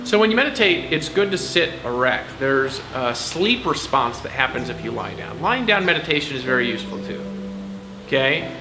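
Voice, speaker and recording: A man's voice: medium pitch, sing-song, moderate pace. A man giving casual meditation instruction to camera in a rambling, conversational way, often tagging phrases with "right?" and "like". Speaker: meditation teacher. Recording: echoey room with music behind. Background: background music.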